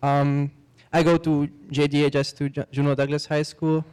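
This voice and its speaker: Flat-toned teen boy. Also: fairly high pitch, normal speed, smooth, poor audio. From Hungary. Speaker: exchange student.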